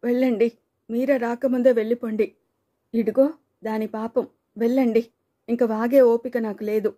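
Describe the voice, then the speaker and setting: A woman's voice: on the high side, fairly even intonation, normal speed, mellow, pitched above the performer's own voice, close to an everyday voice. A woman voicing a distraught middle-aged mother who cries and pleads in anguished outbursts. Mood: anguished, shouting.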